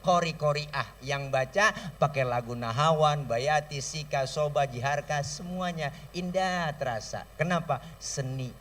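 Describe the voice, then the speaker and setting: A man with a Betawi accent giving a comic sermon from a stage, telling stories lively and mimicking sounds and voices. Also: fairly high pitch, measured pace, recorded from a distance, slight background noise. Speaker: preacher. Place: stage at an outdoor school celebration. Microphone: stage microphone through a sound system.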